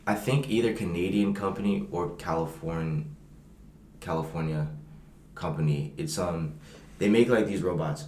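A young man co-hosting a casual podcast chat, excitable and slangy, calling everyone bro. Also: sits low, normal speed, slight background noise. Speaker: podcast co-host. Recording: roomy echo.

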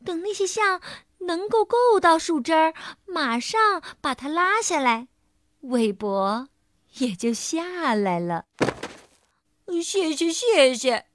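A woman storyteller reading a children's story aloud, expressive and slow. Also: very high-pitched.

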